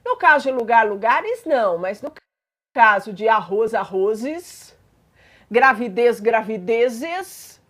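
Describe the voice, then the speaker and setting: A woman's voice: on the high side, lively intonation, slow, a bit bright. A woman teaching grammar in a patient explanatory lesson, spelling out examples and checking in with listeners.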